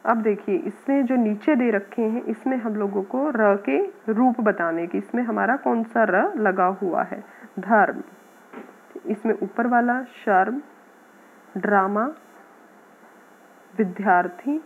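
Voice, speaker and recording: A woman teacher patiently explaining a grammar lesson to schoolchildren, sounding out words slowly. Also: mid-range voice. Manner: patient, addresses students as "beta", repeats words slowly. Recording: tinny phone-like audio.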